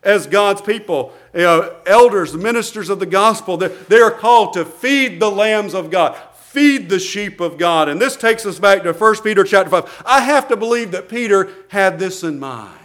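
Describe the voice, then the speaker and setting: A man with a notably high voice preaches a sermon from the pulpit of a church. He talks earnestly, stumbling over and repeating words as he restarts his phrases. He chuckles softly between his points. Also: expressive, moderate pace, hardly any pauses.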